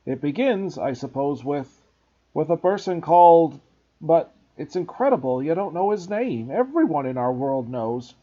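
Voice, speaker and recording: A man voicing a huge, rough-spoken, kindly giant with a loud, gruff, folksy way of talking. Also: fairly high pitch, big pitch swings, measured pace. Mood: worried. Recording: dull lo-fi recording.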